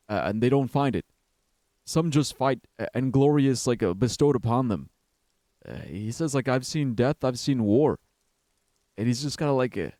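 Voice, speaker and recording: A man's voice: mid-range voice, darkish tone, no echo, clean studio sound. A young man streaming a game, rambling in casual commentary and swearing often. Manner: rambling, profane, says "bro" and "like" a lot.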